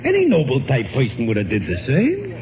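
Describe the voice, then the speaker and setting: Wisecracking american cheapskate pal, old radio sitcom, voice jumps all over, really noisy recording. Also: male voice, mid-range voice, wildly swooping pitch, a little fast. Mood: mock-sincere. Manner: ungrammatical, mock-noble wisecracking. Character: wisecracking, cheapskate working-class best pal and neighbor. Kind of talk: 1940s radio sitcom acting. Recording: very noisy, muffled vintage radio broadcast.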